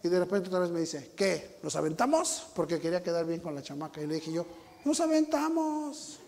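A man with a Mexican Spanish accent preaching a sermon, telling a personal story with sound effects and building to shouted appeals. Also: on the high side, fast, gravelly, big-room sound, slight background noise.

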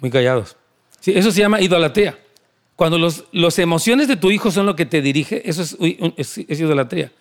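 A man's voice: a little high, lively intonation, a little fast. A man preaching a sermon, telling stories conversationally and repeating key phrases for emphasis.

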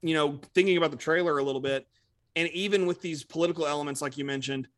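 Slightly higher-voiced podcast guy rambling. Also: quick pace, a bit bright, no echo. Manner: rambling, lots of fillers like "you know" and "like". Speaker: podcast co-host. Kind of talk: casual podcast chat.

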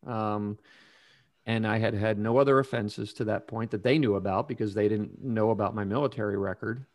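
A middle-aged man telling his own story in a casual interview, slow and reflective with many ums and restarts. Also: on the low side, steady tone, no echo. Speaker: guest sharing recovery story.

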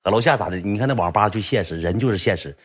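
Husky Northeastern storyteller, lively delivery. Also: male voice, on the low side, racing. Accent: Northeastern Mandarin. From Northeast China. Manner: animated, exaggerated, colloquial. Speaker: storyteller streamer. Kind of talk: comic storytelling.

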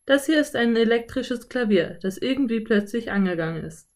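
A woman voicing a sensible boy, the older brother, speaking firmly and a little louder. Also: a little high, animated, moderate pace, voice pushed up. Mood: know-it-all. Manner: firm, matter-of-fact, a bit louder.

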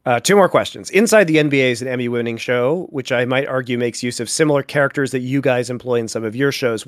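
A man in casual podcast chat who stammers and restarts as he gathers his thoughts. His voice sits at a middling pitch and comes across dry and close, with no room sound. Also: dry recording.

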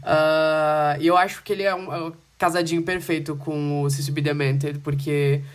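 A man's voice: a little high, flat delivery, moderate pace. A Brazilian man co-hosting a film podcast, talking in a casual, informal and enthusiastic way. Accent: Brazilian Portuguese.

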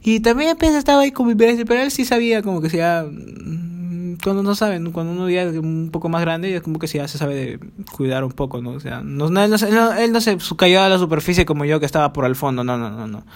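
A young-sounding man races through a rambling podcast monologue. His voice sits a little high for a man, and his talk is loaded with crude swearing, fillers and self-mockery. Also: lively intonation, fast talker. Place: home, recording alone.

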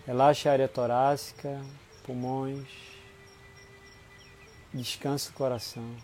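Soothing, mellow Brazilian man guiding relaxation. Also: medium pitch, flat delivery, slight background noise. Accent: Brazilian Portuguese. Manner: soothing, unhurried, with long pauses between short phrases. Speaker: guided meditation instructor. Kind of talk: guided body-scan relaxation.

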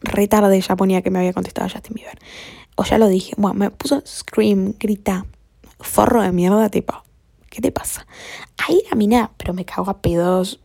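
A woman's voice: medium pitch, fairly even intonation, a little fast, creaky, warm tone, no room sound, studio quality. A young woman with an Argentine accent tells a story in a casual, chatty way. She swears a lot, uses plenty of slang and often drops to a whisper. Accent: Argentine Spanish.

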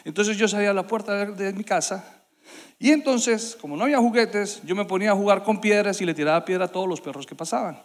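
A man's voice: high-pitched, fast. A matter-of-fact mother, as a preacher quotes her. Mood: explaining. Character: plainspoken mother explaining herself. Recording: long hall reverb.

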